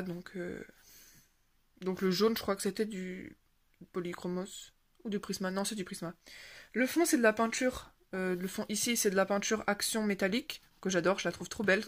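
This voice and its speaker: A woman vlogger talking through her finished coloring pages in a loose, casual show-and-tell chat. Her voice sits at an ordinary middle pitch, and she rambles, hesitates and corrects herself often. She pokes gentle fun at herself along the way. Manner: rambling, hesitant, with many fillers and self-corrections.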